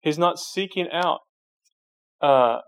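A man's voice: a little high, slow pace. A man preaching a sermon, reading scripture aloud and then explaining it in plain conversational terms, stopping now and then to find the next verse. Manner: frequent restarts while searching for verses. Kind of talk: sermon Bible teaching.

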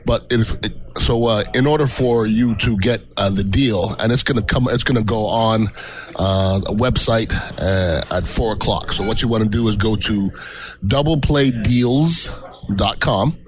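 A man's voice: fairly low pitch, measured pace. A man hosting a casual food talk show, rambling and often repeating his words as he goes. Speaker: radio show host and co-host partner. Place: restaurant, recorded on location.

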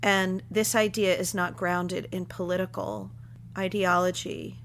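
A woman co-hosting a religious podcast as ordained clergy, talking in a chatty, expressive way with jokey asides. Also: lowish voice, measured pace, a little hiss or hum. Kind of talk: casual religious podcast chat.

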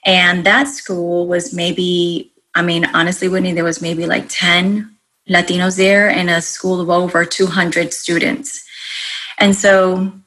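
A woman's voice: fairly low pitch, flat delivery, unhurried, fairly bright tone, poor audio. A woman from Colombia, raised in Rhode Island, speaking as a life coach guest on a podcast and telling her story in a bubbly, reflective way. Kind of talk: casual interview chat.

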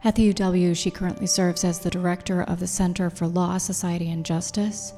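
A woman with a slightly low voice hosts a podcast and reads her introduction in a measured, deliberate way. Her voice carries a long reverb, and music plays clearly underneath. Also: little pitch movement, mellow. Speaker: podcast host. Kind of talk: scripted introduction and interview questions.

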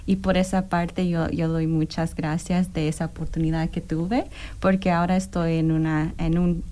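A young woman from New York, a guest on an interview show, talking in an earnest, measured way with frequent hesitations. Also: sits low, flat delivery, mellow. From New York, United States. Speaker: guest, disaster program manager. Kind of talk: interview conversation.

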